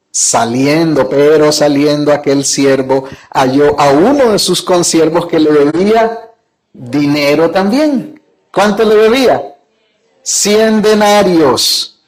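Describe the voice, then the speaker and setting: A high-pitched man preaching as a pastor. He retells scripture in his own words and keeps asking his listeners questions, then answers them himself. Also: poor audio. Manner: asks the congregation rhetorical questions. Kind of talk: sermon.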